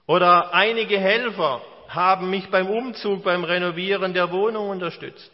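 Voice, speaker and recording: A pastor gives his sermon in a slow, deliberate way, leaning on pauses for emphasis. His voice sits a little high for a man. The recording is dull and carries the long reverb of a church hall.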